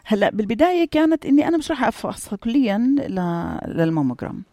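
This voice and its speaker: A woman's voice: mid-range voice, sing-song, racing, dark tone, no room sound, studio quality. A middle-aged woman, an interview guest earnestly and emphatically telling her personal story. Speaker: interview guest, cancer survivor.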